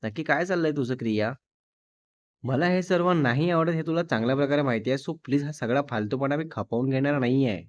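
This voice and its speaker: A man's voice: medium pitch, a little fast, no echo, muffled recording, lightly acted. A man voicing a jealous, cricket-loving young man who talks bluntly to his fiancée. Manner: dismissive, then blunt and possessive.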